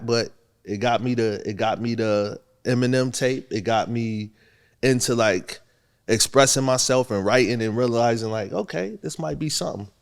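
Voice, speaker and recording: A young rapper from Buffalo, New York, appears as a guest in a casual interview, relaxed as he tells his story and laughing often. His voice is medium-pitched with a creaky quality.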